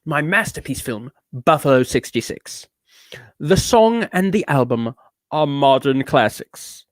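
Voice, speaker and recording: A drunk man putting on an affected fake British accent to read aloud in a slow, grand, pompous way. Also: medium pitch, expressive, no echo, lightly acted.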